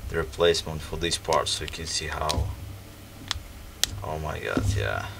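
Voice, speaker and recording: A repair video host with a low, gravelly voice talks a little slowly as he tinkers at an indoor workbench. His casual, hands-on commentary is hesitant, full of ums and restarts while he works. The mic sits at a distance and picks up background noise.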